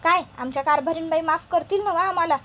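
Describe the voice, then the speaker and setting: A woman's voice: very high voice, fast, fairly bright tone. A woman voicing a playful, persistent village husband who teases in a rural dialect. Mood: teasing. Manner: rural dialect, teasing, insistent. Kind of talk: recap narration with read-out dialogue.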